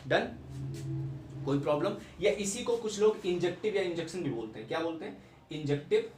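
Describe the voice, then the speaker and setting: A man's voice: high voice, animated, fairly quick, a little mellow. A young man teaching maths in a classroom-style lecture, repeating key points and checking understanding with rhetorical questions. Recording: echoey room, mic at a distance, background noise.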